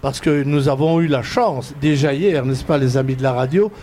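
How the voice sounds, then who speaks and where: A radio show host with a Liège Belgian French accent chats with a guest during a live broadcast outdoors at a windy event, frequently restarting his sentences. His mid-range voice is mellow and moves at normal speed, and the headset mic catches slight background noise.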